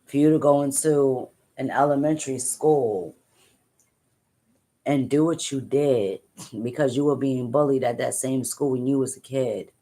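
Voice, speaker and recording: A woman with a low voice talks live to her viewers through tears. She halts and repeats herself, upset and angry, as a mother speaking straight to the camera. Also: fairly even intonation, measured pace, mellow. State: tearful. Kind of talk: emotional live-stream talk.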